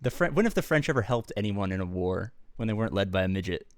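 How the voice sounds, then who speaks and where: A man's voice: lowish voice, animated, quick pace, no room sound. A man hosting a casual chat, joking and teasing with a wry delivery. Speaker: host.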